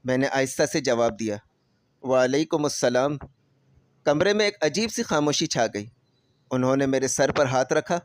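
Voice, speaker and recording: A man narrating a scripted first-person story in a steady, emotional storytelling manner. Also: medium pitch.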